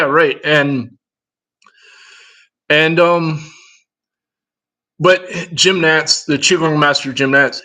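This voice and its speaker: A man's voice: on the high side, a bit bright, rough recording. A man in his fifties with a Minnesota accent, chatting casually with his livestream viewers in a rambling, digressive way. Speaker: livestream host.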